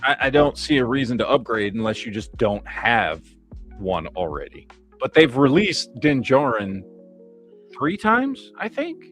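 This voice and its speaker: Animated man chatting on a live stream. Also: mid-range voice, measured pace. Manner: animated, hedging with "you know what I mean". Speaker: show host. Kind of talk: casual chat about toys and films. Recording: live stream with faint background music.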